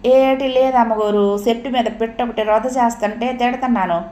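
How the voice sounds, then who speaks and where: A woman's voice: fairly high pitch, steady tone, brisk, dark tone, echoey room, pitched above the performer's own voice, natural voice. A woman voicing a young woman disguised as a shy, deferential village maid. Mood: coy. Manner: sing-song, deferential, coy.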